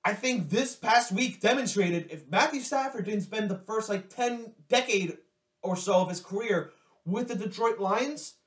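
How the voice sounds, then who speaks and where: A man's voice: sits high, a little slow. A man co-hosting a casual sports podcast, conversational and opinionated. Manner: conversational, opinionated, hot takes. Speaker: podcast co-host. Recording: echoey room, distant from mic.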